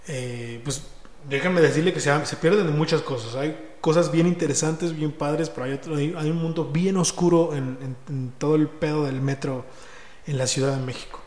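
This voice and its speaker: A man's voice: a little high, steady tone, normal speed, a little mellow. A man with a Mexico City accent telling a personal story in casual, slangy speech, often repeating and restarting words. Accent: Mexico City Spanish. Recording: echoey room with long reverb.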